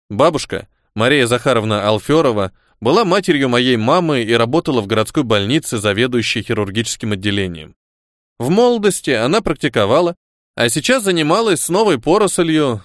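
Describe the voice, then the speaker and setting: Man, audiobook narration, animated pitch, dry close sound. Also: no room sound. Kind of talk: scripted first-person narration.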